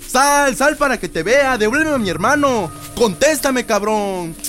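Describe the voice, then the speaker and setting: A man's voice: high voice, a little slow. A young man playing a frightened, cursing young Mexican man. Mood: yelling. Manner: shouting, cursing, defiant. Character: frightened young man searching for his lost brother. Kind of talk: radio drama acting. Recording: drama with loud music score.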